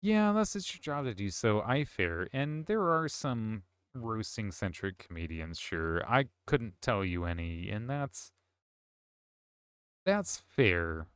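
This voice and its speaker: A man's voice: fairly low pitch, big pitch swings, slow pace, fairly bright tone, smooth, no room sound. A man streaming a game, chatting casually with viewers in a rambling, self-correcting way. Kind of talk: casual chat while gaming.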